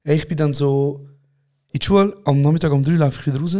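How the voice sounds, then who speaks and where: A young man with a Swiss German accent, co-hosting a podcast and retelling a quarrel in animated casual chat, acting out both sides. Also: a little high, quick pace. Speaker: podcast co-host.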